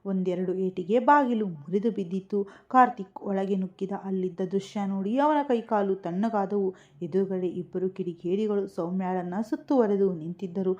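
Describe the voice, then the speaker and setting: A woman narrating a romantic audio story in a calm, steady storytelling manner. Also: medium pitch, normal speed. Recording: dull lo-fi recording.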